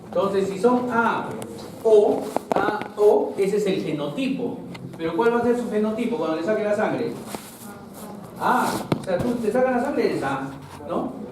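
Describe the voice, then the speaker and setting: A man's voice: high voice, expressive, measured pace. A man teaching a biology lesson to a class, explaining step by step and often checking whether students follow. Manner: explanatory, keeps checking in with "¿no es cierto?". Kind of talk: classroom lecture. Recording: very echoey noisy classroom, far mic.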